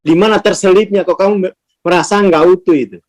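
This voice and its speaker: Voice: medium pitch, fairly quick, a little mellow. Teacher, chatty rhetorical style. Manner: conversational, asks rhetorical questions, acts out quoted speech. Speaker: spiritual teacher. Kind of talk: informal class talk.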